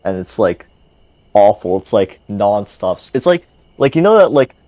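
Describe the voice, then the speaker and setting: A podcast co-host, animated and joking, who swears for emphasis. His voice sits low, and the sound is dry and close. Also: moderate pace, dry recording. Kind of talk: casual podcast chat.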